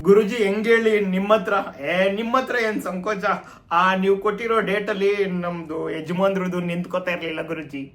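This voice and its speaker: A man's voice: high-pitched, fairly even intonation, a little fast, close to an everyday voice. A man playing a fussy village mother who pleads for a baby son, whining and repeating her plea. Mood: whiny. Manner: whiny pleading, repeats "guruji". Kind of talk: comedy skit acting. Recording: noisy home video recording.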